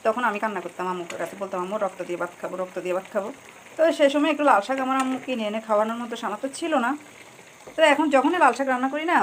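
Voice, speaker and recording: A middle-aged woman chatting casually to her viewers while she cooks at home, confiding and familiar. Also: fairly high pitch. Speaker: cooking vlogger. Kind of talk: casual chat while cooking. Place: home kitchen. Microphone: phone camera. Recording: faint kitchen noise. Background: frying and sizzling on the stove.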